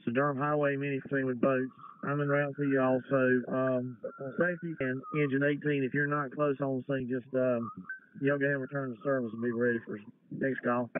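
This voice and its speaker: A fire battalion officer coordinating units over two-way radio in brisk, procedural exchanges. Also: male voice, medium pitch, flat delivery, phone-quality sound, slight background noise. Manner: brisk, procedural call-and-response. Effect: two-way radio transmission. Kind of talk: terse fire radio traffic.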